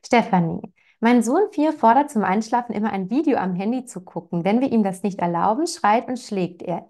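A woman parenting coach answers parents' questions one after another in a mid-pitched voice. She talks in a direct, reassuring way and addresses the parents by name. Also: a little mellow.

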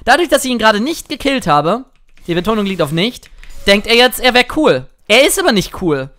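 A young man chatting excitedly through live gameplay commentary as a streamer, now and then singing or shouting at a play. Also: high-pitched, fairly quick. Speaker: gaming streamer.

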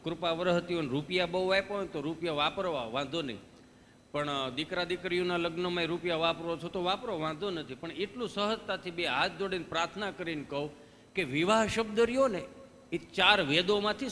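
Male stand-up storyteller, high and bright, folksy and chatty, live hall sound. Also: brisk, a little hiss or hum. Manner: folksy storytelling, asks the audience questions, acts out dialogues. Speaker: stand-up comedian. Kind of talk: live Gujarati folk comedy (dayro). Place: live stage show before an audience. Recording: stage hall reverb with faint music.

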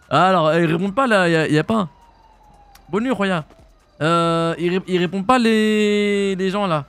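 A young French man streaming a roleplay game, chatting casually in slang and jumping into high shouts. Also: smooth. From France. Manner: casual slangy banter, quick jumps to high-pitched shouts. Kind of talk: live-stream roleplay chat.

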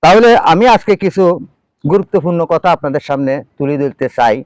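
This farming video presenter, a middle-aged man from Bangladesh, talks fairly quickly in a highish voice, recorded dry. He urges viewers with earnest, pleading emphasis, returning again and again to his key phrases.

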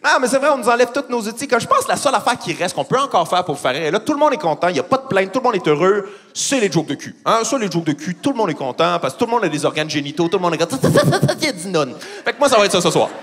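This Québécois comic works a big theatre crowd with crude material and jabs at the audience, speaking very fast in a high, very animated and slightly bright voice.

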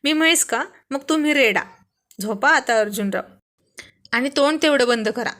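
A woman's voice: high-pitched, moderate pace, a bit bright. A woman voicing a young wife who scolds her husband with exasperated affection in a read-aloud story. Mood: playful.

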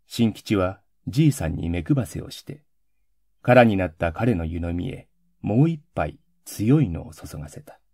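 A man, a voice actor, reading a period story in a calm, measured narration. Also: sits low, creaky, husky, no room sound, studio quality.

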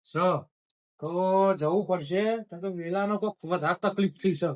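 A man's voice: sits high, a little slow. A man with a Gujarati accent playing a boastful village faith healer in an amateur comedy skit. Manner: boastful, loud.

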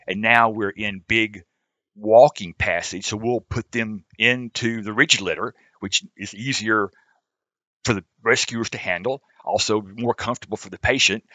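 A man's voice: fairly low pitch, sharp tone, no echo. A man on a cave rescue team, talking in a roundtable discussion with many fillers and restarts.

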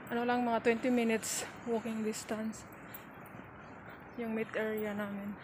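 A woman narrating a casual vlog while walking outdoors in the morning, speaking softly and relaxed through a face mask. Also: fairly high pitch, unhurried. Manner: relaxed, soft-spoken, mixing English and Tagalog. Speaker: vlogger. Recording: outdoor noise behind the voice.

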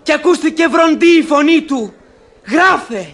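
An actor playing a wrathful old abbot who proclaims God's curse in a declamatory classic radio drama. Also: male voice, very high-pitched, expressive, fairly bright tone, exaggerated voice. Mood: thundering. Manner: thundering, declamatory. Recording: old archival radio recording.

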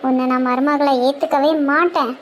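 An anxious cartoon woman, voiced by a woman, urgently hushing and reporting trouble. She speaks in a high, worried voice. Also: steady tone, normal speed, a little hiss or hum, natural voice.

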